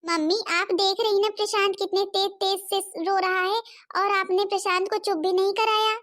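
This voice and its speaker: A woman's voice: extremely high pitch, flat delivery, normal speed, a bit bright, pitched above the performer's own voice. A woman voicing a caring, worried teenage older sister in a cartoon. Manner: worried, pleading. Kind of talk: cartoon voice acting.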